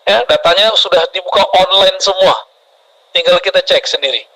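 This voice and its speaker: A man preaching a sermon to a congregation, lively and often putting questions to the audience. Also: sits high, normal speed, poor audio. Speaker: Islamic preacher.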